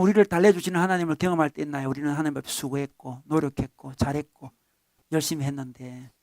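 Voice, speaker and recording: A man preaching a sermon in a high, light voice, talking to his congregation like a conversation. He asks rhetorical questions and slips in soft chuckles. The sound is close and dry, with almost no room echo. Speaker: pastor.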